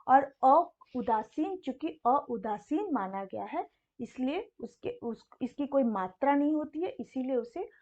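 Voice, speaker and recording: A high-pitched woman teaches a beginner's lesson at an unhurried pace. She repeats each sound carefully, asking a question and then answering it herself. The recording is dull and lo-fi. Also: expressive, a little mellow. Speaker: Hindi teacher. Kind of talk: slow explanatory lesson.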